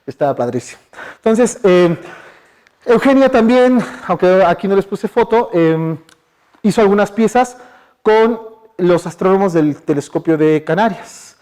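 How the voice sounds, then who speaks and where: A man with a Mexican Spanish accent gives a relaxed public science talk in a university lecture hall. His voice sits a little high, and he talks in a chatty way, tossing questions to the audience and filling pauses with "eh" and "ajá". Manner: chatty, asks the audience questions, many fillers. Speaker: guest speaker.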